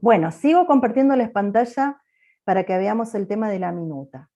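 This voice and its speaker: Female accounting teacher, bossy and loud-sounding, lecturing on a video call. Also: medium pitch, animated, a little fast. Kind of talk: online class lecture.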